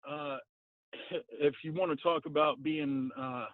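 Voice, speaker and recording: A man's voice: fairly high pitch, steady tone, no room sound. Hillbilly-accented man on a tinny phone line. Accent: American hillbilly twang. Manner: plain-spoken, halting, argumentative. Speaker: phone-in caller. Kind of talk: unscripted debate on a call-in show. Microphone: telephone. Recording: thin, narrow phone line.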